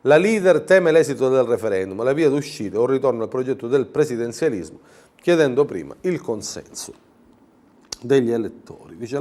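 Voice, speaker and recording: A man delivering a sarcastic political commentary monologue, mocking and ironic, who often clears his throat. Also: mid-range voice, darkish tone.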